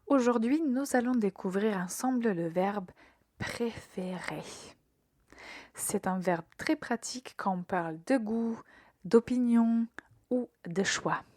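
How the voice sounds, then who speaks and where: A woman teaching a short verb lesson, speaking patiently and carefully, repeating words slowly for learners to echo and pausing with soft fillers as she explains. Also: on the high side, studio quality. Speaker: French teacher hosting a verb podcast. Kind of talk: scripted language lesson.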